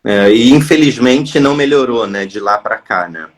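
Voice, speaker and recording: A man hosts a live online chat over a video call, his voice at a middle pitch. He talks quickly in a friendly, chatty way and keeps checking in with short tag questions. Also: lively intonation, a crowd in the background. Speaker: host. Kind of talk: casual live-stream chat.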